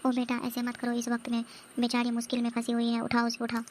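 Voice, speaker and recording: A woman voices a cartoon's sharp-tongued mother-in-law. She speaks firmly and scolds in a fairly high, flat voice, with light noise behind it. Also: quick pace, lightly acted. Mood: urging. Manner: firm and scolding. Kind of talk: cartoon comedy voice acting.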